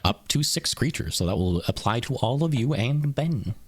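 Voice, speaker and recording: A man running a tabletop game as game master, lively and quick to laugh. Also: medium pitch, breathy edge, no room sound, clean studio sound. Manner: lively, laughs often, quick apologetic asides.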